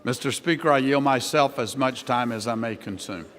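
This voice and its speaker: A man's voice: mid-range voice, normal speed, fairly bright tone. An American man giving a formal, prepared political floor speech as a congressman. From Ohio, United States. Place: large legislative chamber, House floor. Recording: reverberant large chamber.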